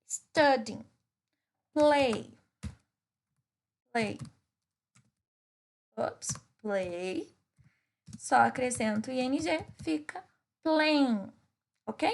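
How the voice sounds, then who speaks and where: A Brazilian woman teaches English grammar in an unhurried, measured way and walks through each rule step by step. Her voice sits high, with a gravelly fry running under it. She keeps checking in with her students. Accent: Brazilian Portuguese. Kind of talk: recorded class explanation.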